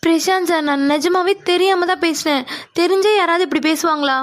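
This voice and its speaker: A woman's voice: very high voice, fairly quick. A woman voicing a coaxing, pleading young woman in a cartoon. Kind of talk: cartoon voice acting.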